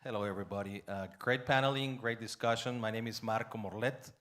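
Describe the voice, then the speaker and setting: A man's voice: lowish voice, steady tone, brisk, fairly bright tone. Audience member, man, enthusiastic and wordy questioner. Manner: enthusiastic, wordy, adds "right?". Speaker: audience member, startup robotics head. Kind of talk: conference Q&A.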